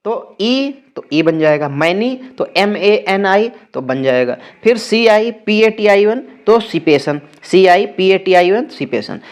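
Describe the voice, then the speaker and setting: A man's voice: sits high, animated, slow pace, hardly any pauses. A young man teaching an exam-prep vocabulary lesson, spelling words out letter by letter.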